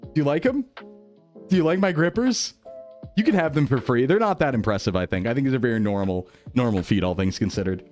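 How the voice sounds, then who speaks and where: A man's voice: mid-range voice, lively intonation, brisk, darkish tone, faint music behind. A male VTuber chatting casually with his stream viewers, playful and jokey, heard through livestream headset mic audio. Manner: playful, jokey, laughing often.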